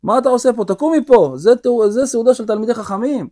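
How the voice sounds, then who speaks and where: A man's voice: very high-pitched, dark tone, pitched above the performer's own voice. A man doing a scornful rich man. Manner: indignant, raised voice. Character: scornful rich man throwing out a poor guest.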